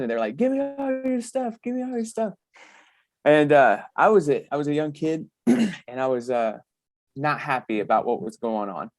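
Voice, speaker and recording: A man speaks at a middle pitch in a dry, close sound, with the slight lisp of missing front teeth. He tells personal stories to an audience in a casual, conversational way, repeating words and voicing the people he quotes. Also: a little mellow, no room sound. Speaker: guest speaker.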